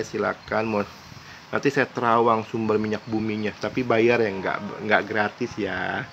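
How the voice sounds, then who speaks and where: A man's voice: lowish voice, creaky, a bit bright. A man in his forties from Indonesia, a self-styled psychic, pleading in a repetitive, earnest casual monologue. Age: 40s. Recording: dull lo-fi recording with faint background noise.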